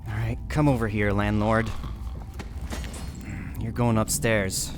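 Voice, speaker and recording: A man's voice: on the low side, level tone, slow pace, over music. A man giving in-character gameplay commentary, with muttered asides and plans. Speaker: gamer role-playing the protagonist. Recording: noisy, game sounds behind.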